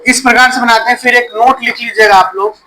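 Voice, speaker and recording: High, bright-voiced teacher, slow. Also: male voice, steady tone, low-quality recording. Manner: slow, drawn-out dictation, checking in with students. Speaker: English teacher. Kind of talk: classroom grammar lesson.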